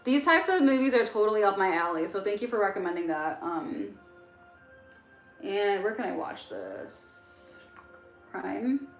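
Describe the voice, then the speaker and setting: Unhurried, with lively intonation at medium pitch, a young woman born in Egypt chats with viewers on her late-night livestream. She fields questions from chat using lots of fillers, while faint music plays in a roomy, echoing space.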